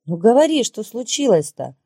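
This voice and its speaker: A woman reading as a lively young woman in love. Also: a little high, normal speed, husky, dry recording, studio quality, pitched above the performer's own voice, exaggerated voice. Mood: pleading. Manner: pleading, exclaiming.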